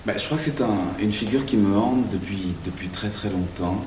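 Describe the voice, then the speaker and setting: Man, playwright being interviewed, thoughtful, halting restarts, low voice, roomy echo. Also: a little mellow, slight background noise. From Belgium and Zaire. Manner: thoughtful, searching for words with many restarts. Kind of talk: reflective interview answers. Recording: echoey room, mic far off.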